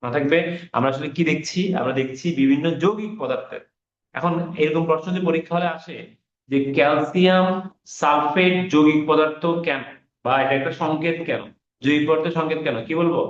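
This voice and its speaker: The teacher's voice is on the high side and his delivery brisk as he runs an online class. He keeps repeating key terms and firing questions at students, all captured in roomy, dull audio.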